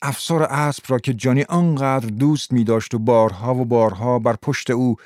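A man's voice: medium pitch, steady tone, darkish tone, dry recording. Man narrating a story, dry close sound. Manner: measured, literary reading.

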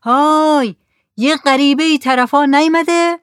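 Lady doing a guy yelling from a boat, high and loud, dry close sound. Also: no echo, close to an everyday voice. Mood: shouting. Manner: calling out loudly across water. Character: man on a boat shouting to shore.

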